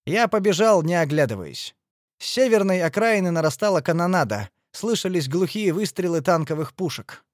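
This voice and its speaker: A man narrates a first-person story with an animated, rising-and-falling delivery. His voice sits slightly high for a man. The recording is dry and close. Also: moderate pace, dry recording. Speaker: audiobook narrator. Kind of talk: expressive audiobook reading.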